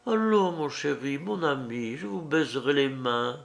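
A man reading aloud voicing a proud, scornful young woman in a storybook, in a raised, soft, breathy voice. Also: a little high, takes it slowly, voice pushed up. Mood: pleading softly.

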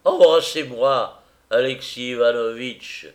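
A man voicing a drunk, overwrought middle-aged man who pleads and mocks in a high, loud, swooping voice. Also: animated, takes it slowly, creaky, exaggerated voice. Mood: agitated.

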